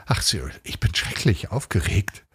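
A man voicing an excitable, pleading middle-aged wife in a read short story. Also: lowish voice, normal speed, husky, voice pushed up, full character voice. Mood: eager. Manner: breathless, pleading, fluttery.

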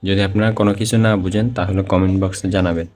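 Step by step, a man with a Bangladeshi Bengali accent guides a slow Quran reading lesson, drawing out each example word as he recites it slowly and repeats it. He speaks in a low, darkish voice with a level tone.

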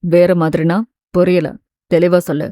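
A woman voicing an intense, stern young man in a romance audiobook, speaking low and pressing. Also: little pitch movement, measured pace, warm tone, no room sound, clean studio sound, lightly acted. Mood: demanding.

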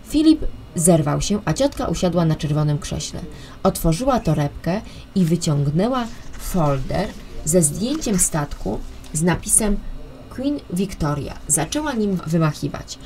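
A woman narrating a children's audiobook in a calm, expressive way. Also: fairly low pitch, measured pace, slight background noise. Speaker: storyteller.

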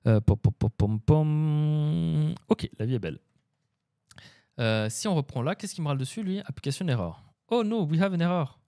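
A man's voice: fairly high pitch, sing-song, brisk, darkish tone. A man hosting a casual live-coding stream, chatting with viewers and muttering to himself as he works. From French-speaking. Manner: chatty, talks to chat while coding, hums and mutters. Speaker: livestream host.

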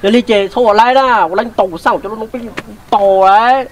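A woman acting in an amateur drama, speaking in a halting, repetitive way. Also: fairly high pitch, slight background noise, close to an everyday voice, low-quality recording.

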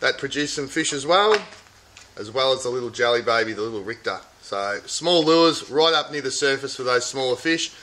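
Bright-voiced Australian tackle shop host. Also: male voice, mid-range voice, normal speed, a little hiss or hum. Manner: chatty, upbeat salesman patter. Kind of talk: casual product and fishing report. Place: inside a large tackle shop. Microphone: camera at close range.

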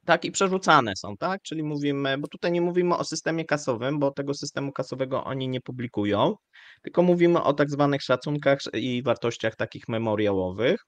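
A man hosting live economic commentary, speaking in a measured, hesitant way with frequent fillers. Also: mid-range voice, no echo. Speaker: show host.

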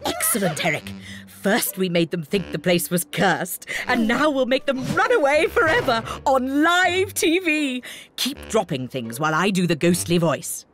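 A woman's voice: on the high side, sing-song, normal speed, over music. A woman voicing a scheming, haughty cartoon cat villain, sneering and gloating. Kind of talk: cartoon voice acting.

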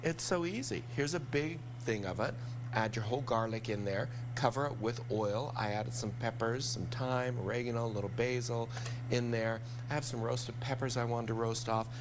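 A man's voice: mid-range voice, background noise. An older man, a TV chef, talking viewers through a recipe in a studio kitchen, upbeat and enthusiastic. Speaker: TV cooking chef. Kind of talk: live TV cooking demo.

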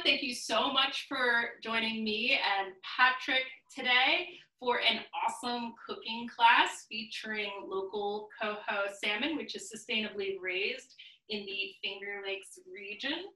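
A woman's voice: on the high side, sharp tone, reverberant. A woman hosting a live online cooking class on a video call, chatty and upbeat with lots of fillers. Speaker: host.

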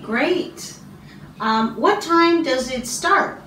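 A middle-aged woman from Canada, an English teacher giving a speaking test, slow and encouraging with many ums and throat clears. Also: high-pitched, lively intonation, fairly bright tone, slight background noise. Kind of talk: slow, patient test interview. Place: small classroom office, indoors. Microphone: far camera. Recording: roomy, distant camera sound.

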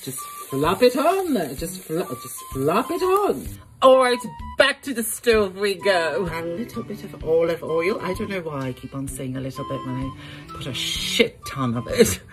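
A man's voice: a little high, sing-song, moderate pace. A hungover young man chatting casually through a recipe in a playful, crude, theatrical way, in his home kitchen. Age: young adult. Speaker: home cook presenting a recipe. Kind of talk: casual cooking vlog chat. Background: music and sizzling pan.

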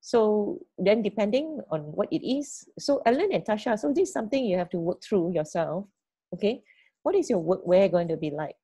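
A woman's voice: mid-range voice, expressive, normal speed, dark tone, slightly rough, no room sound. A middle-aged woman leading an online team meeting on a video call, often repeating words as she thinks and checking in with "right?" and "okay?". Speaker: team leader.

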